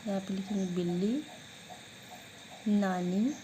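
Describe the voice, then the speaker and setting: A woman teacher leads an online class in a medium-pitched, dark voice, asking questions and answering them herself as she drills words slowly, syllable by syllable. The rough recording carries a little hiss or hum.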